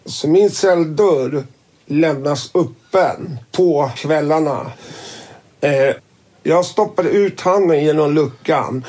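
A man's voice: a little high, darkish tone. A man telling his story casually, swearing freely and acting out who said what. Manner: swears freely and acts out quoted dialogue. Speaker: interviewee.

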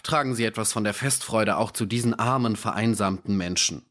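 A man voicing a weary, heartbroken young gentleman in an audiobook. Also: on the low side, brisk, close to an everyday voice. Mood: weary moodiness. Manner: weary and moody.

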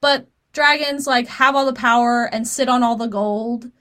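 A woman's voice: a little high, steady tone, normal speed, bright, forceful tone. A woman in her thirties co-hosting a podcast, chatting casually, laughing often and using lots of fillers. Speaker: podcast co-host. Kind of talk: casual chat.

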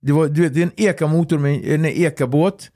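Animated man telling a wild story. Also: on the high side, no echo. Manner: animated, swearing, acts out quotes, laughs through the story. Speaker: podcast guest. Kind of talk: casual storytelling.

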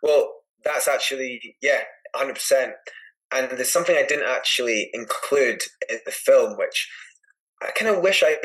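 A Scottish man from Edinburgh, a podcast guest chatting casually and telling a rambling, animated anecdote full of "like" and "you know". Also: medium pitch, poor audio. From Edinburgh, Scotland. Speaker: podcast guest, adventure climber. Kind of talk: casual storytelling in conversation.

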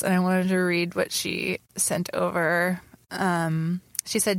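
A woman's voice: lowish voice, dry recording. Laughing woman podcast host, dry close mic. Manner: laughs often, swears casually, reads letters aloud with animated asides. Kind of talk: casual podcast chat and listener-letter reading.

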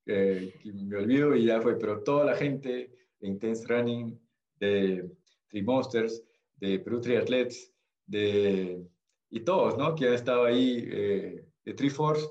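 Slow and slightly mellow, his fairly low voice comes through a muffled recording. The man, an amateur triathlete guesting on a podcast, tells casual stories with a Brazilian accent, Portuguese being his first language, and often searches for words.

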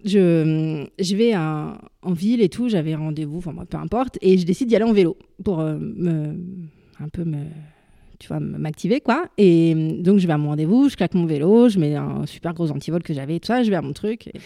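Woman, casual storyteller, slangy and halting, mellow dry voice. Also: deep voice, lively intonation, creaky, no room sound. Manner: chatty, halting, full of fillers and slang. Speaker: storyteller guest. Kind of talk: casual personal anecdote.

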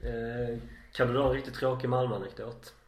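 A man's voice: medium pitch, steady tone. Brief: male podcast host, laid-back questions, roomy sound. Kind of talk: casual interview chat. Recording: roomy echo.

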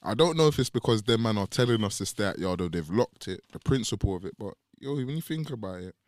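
Animated young London roadman. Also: lowish voice, fast, no room sound, clean studio sound. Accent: London roadman, multicultural London English. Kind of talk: casual group chat in street slang.

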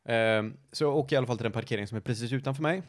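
A man in casual podcast chat, telling a story at length, rambling and often correcting himself mid-sentence. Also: mid-range voice. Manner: rambling, self-correcting, lots of fillers. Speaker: podcast host.

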